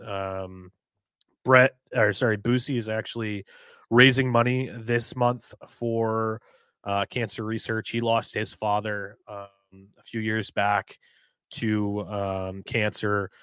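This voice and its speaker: A man's voice: on the low side, slow, clear, resonant tone, dry recording. Male sports podcast co-host from New Hampshire, casual and heated, swears a lot, dry close sound. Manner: animated, swears freely, gets heated.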